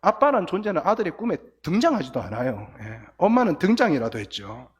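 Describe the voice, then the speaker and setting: A middle-aged man preaching a lively, story-filled sermon to teenagers, acting out scenes as he goes. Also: a little high, a little fast. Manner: animated storytelling, acts out crying and quotes. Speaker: guest pastor. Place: church sanctuary. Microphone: church sound system, recorded from booth. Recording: long church hall reverb.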